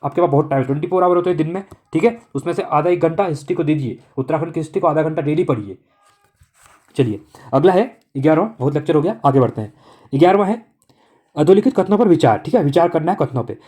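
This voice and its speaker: A man teaching an online exam-prep lesson, working through multiple-choice answers in a brisk coaching manner and filling the gaps with constant "okay" checks. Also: fairly high pitch, lively intonation, warm tone. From Uttarakhand.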